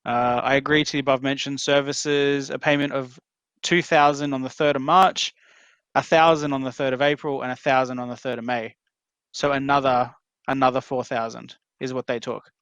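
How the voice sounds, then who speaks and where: A man talking someone through steps in a calm, explanatory, reassuring way, like a support caller advising a victim. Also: mid-range voice, moderate pace, clear, resonant tone, no echo. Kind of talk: phone support conversation.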